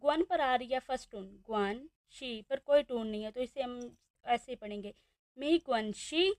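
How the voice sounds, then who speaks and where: A woman teacher with a Pakistani Urdu accent leads a beginner lesson in a high voice. She says each word slowly and repeats it several times. The sound is dry and close, with no room echo. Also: a little mellow. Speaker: Chinese language teacher.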